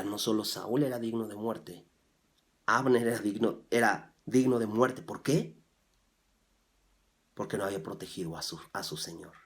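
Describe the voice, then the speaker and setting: A man preaching a sermon as pastor. He drops to soft, low asides, then rises loudly when he reads scripture, and he asks his listeners rhetorical questions. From Mexico. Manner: swings from soft, low asides to loud, raised scripture reading.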